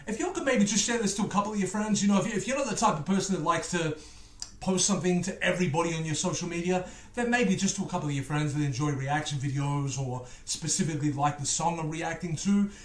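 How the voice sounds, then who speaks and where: Talking fast in a casual reaction video, this music reactor, an Englishman with an Australian accent, rambles and cracks jokes for his viewers. He has a fairly high voice for a man, and the room around him rings with lots of echo.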